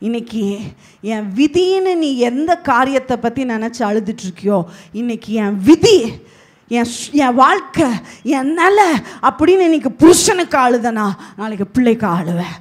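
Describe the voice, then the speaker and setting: A woman pastor preaching a sermon with emphatic delivery, swinging between loud and hushed. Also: on the high side, sing-song, moderate pace. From Tamil Nadu, India.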